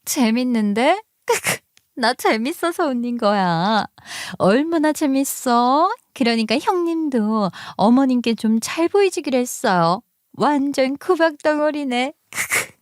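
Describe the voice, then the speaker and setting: A woman's voice: high-pitched, expressive, unhurried, no echo, pitched above the performer's own voice. A woman voicing a spoiled, mocking younger sister-in-law in a narrated story, recorded dry and close. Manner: mocking, then pleading.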